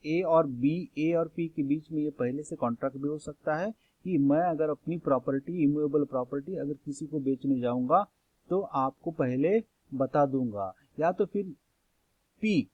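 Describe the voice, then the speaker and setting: Man, law lecturer, slow deliberate pace, slightly high voice, dry close recording. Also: slightly rough, no echo, highs cut off. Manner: explains step by step, mixing English terms and repeating key words.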